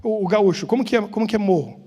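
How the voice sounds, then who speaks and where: A Brazilian man preaching with a Brazilian Portuguese accent, chatty and joking as he asks the congregation questions. His voice sits high and comes out a little husky. The long reverb of a church hall hangs behind every word. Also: lively intonation, fast talker, dark tone. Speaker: pastor. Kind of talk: informal sermon with banter.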